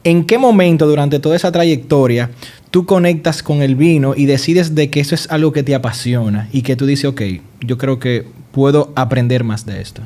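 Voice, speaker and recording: A man's voice: medium pitch, moderate pace, mellow. A man hosting a casual travel podcast, introducing his guest and asking questions in a friendly way. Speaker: podcast host.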